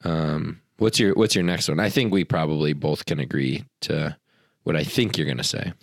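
A man's voice: rumbling low, steady tone, normal speed, vocal fry, no echo, clean studio sound. A man co-hosting a podcast, a fitness coach chatting casually with plenty of fillers and restarts. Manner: rambling, many fillers and restarts. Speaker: podcast co-host. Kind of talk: casual chat.

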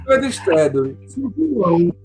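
A man, a panelist on a live stream talking over a remote video call. His internet audio keeps breaking up and cutting out, so his words arrive halting and dropped mid-sentence. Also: high-pitched, very animated, music in the background. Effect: choppy internet call audio cutting in and out.

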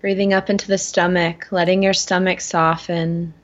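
A woman leading a guided meditation in a gentle, soothing manner, slowly and with long pauses. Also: on the low side, level tone, muffled recording. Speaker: guest guiding a meditation.

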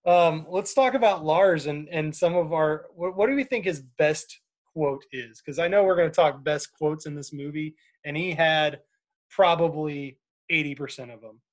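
A man hosting a casual movie podcast, talking in a relaxed way with fillers and laughs. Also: a little high, moderate pace. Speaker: podcast host.

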